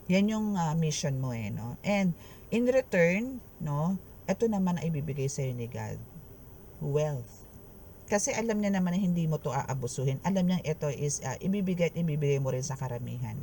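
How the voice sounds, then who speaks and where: A tarot reader, giving a reading in an expressive, chatty way, mixing Tagalog and English and tagging phrases with a questioning "no?". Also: mid-range voice, normal speed, a little hiss or hum. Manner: mixes Tagalog and English, keeps adding "no?" after phrases; expressive, laughing and exclaiming.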